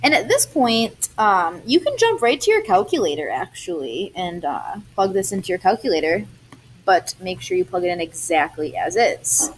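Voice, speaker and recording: A woman's voice: on the low side, sing-song, moderate pace, a little hiss or hum. A young adult woman, a math teacher, explaining algebra step by step in a chatty recorded lesson.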